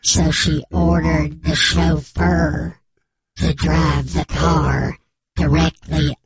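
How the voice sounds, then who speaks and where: A man playing an anonymous male informant whose voice is disguised, speaking in a slow, solemn, mock-dramatic way on a comic sports radio bit. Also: a little high, level tone, creaky, a loud crowd, heavily acted. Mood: grave, mock-secretive.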